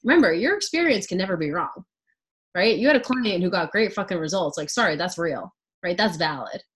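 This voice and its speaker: Woman coach, lower-pitched, casual and reassuring, filler-heavy delivery. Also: expressive, a little fast, a little hiss or hum. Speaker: business coach leading a group call.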